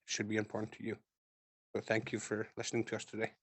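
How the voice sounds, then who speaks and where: A man's voice: on the low side, monotone, fast, dry recording. A man speaking earnestly at a press conference, repeating phrases for emphasis.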